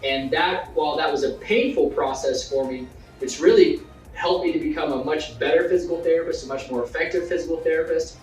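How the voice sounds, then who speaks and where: A man speaks earnestly about his work as a physiotherapy instructor, now and then pausing on an "um". He sounds set back from the mic in an echoey room, with faint music underneath. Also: fairly high pitch, far from the mic. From Zimbabwe. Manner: earnest, with filler words. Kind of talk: casual interview talk.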